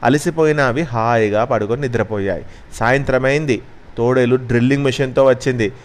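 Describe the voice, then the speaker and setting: A man narrating a children's story as a storyteller, expressive and gentle. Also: medium pitch, a little fast.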